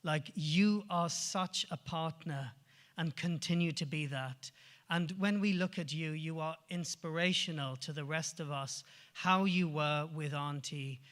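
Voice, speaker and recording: A man's voice: a little high, measured pace, a bit bright. A man giving a heartfelt memorial tribute from a stage, ending with a poetry reading. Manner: heartfelt, briefly emotional. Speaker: master of ceremonies at a memorial. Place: large hall, on stage. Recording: long hall reverb.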